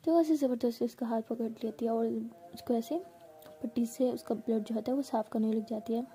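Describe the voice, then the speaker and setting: A woman's voice: on the high side, fairly even intonation, brisk, dark tone. A woman casually retelling a love story in a chatty, repetitive way, often drifting into whispers.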